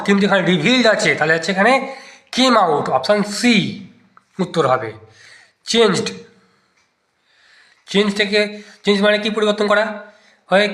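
Bright-voiced teacher working through answers. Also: male voice, high-pitched. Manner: thinks aloud, testing each option in turn. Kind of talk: exam-prep lesson explaining grammar answers. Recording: echoey room.

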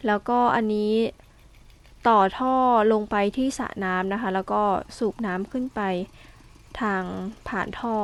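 Thai woman explaining farm work. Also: fairly high pitch. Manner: polite, explains step by step, adds soft particles. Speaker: farmer demonstrating field work. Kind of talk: casual instructional talk.

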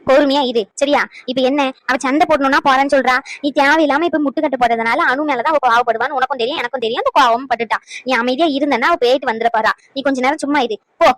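Cartoon granny, over 60, high, fast and scolding, always fretting over her grandson, a woman voicing her, dry close sound. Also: steady tone, a bit bright, dry recording. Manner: rapid, scolding chatter. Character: scolding, anxious old grandmother, doting on grandson. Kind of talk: cartoon family drama voice acting.

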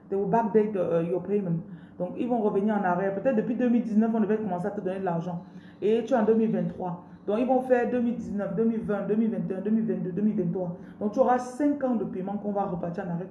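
A woman's voice: mid-range voice, mellow, roomy sound, slight background noise, poor audio. A woman with a Cameroonian French accent preaching a prosperity sermon on a live stream, declaring blessings and repeating her phrases.

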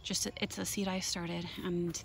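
Her voice is low and gravelly, with a flat delivery and a slightly slow pace, against slight background noise. She's a gardening vlogger from Minnesota, eagerly chatting while pointing out features of her outdoor container garden, shot on a handheld phone.

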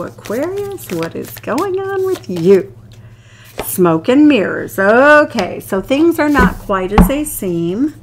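A woman's voice: medium pitch, a little hiss or hum. An Irish woman reading tarot cards to camera, enthusiastic and exclaiming over each card as she turns it. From Ireland. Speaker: tarot reader. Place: indoors at a card table. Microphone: hands only seen, overhead camera on table.

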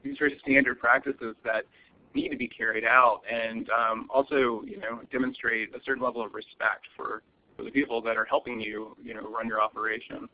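A man's voice: mid-range voice, fairly even intonation, normal speed. A man presenting a webinar as a lawyer, answering audience questions cautiously with many fillers and restarts. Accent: American. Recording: muffled lo-fi webinar audio.

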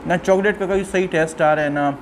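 A man reviewing food in a relaxed, chatty way while talking through a mouthful of donut. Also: high-pitched, brisk. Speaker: food vlogger. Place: indoor room with a fan running. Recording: faint fan noise behind. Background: fan hum.

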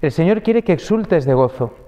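Priest, lively homily, higher-pitched voice, long church reverb. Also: male voice, moderate pace, dull audio. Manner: lively storytelling, acting out quoted voices. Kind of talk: sermon. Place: church during mass.

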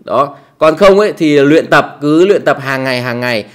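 A man giving a casual how-to tutorial in a small quiet room, chatty, with many fillers and repeated tag words. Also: on the high side, animated, moderate pace. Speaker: tutorial host.

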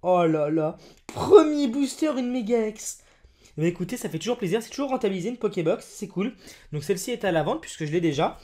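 Excitable man opening trading cards. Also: high-pitched, fairly quick. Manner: excitable, exclamatory, lively; chatty, addresses viewers as friends. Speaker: card-opening YouTuber. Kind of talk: excited card-opening commentary.

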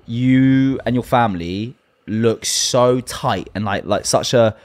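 A man co-hosting a podcast, teasing his guests and paying them warm compliments in casual chat. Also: mid-range voice, slow. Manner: teasing, warm-hearted banter. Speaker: podcast co-host.

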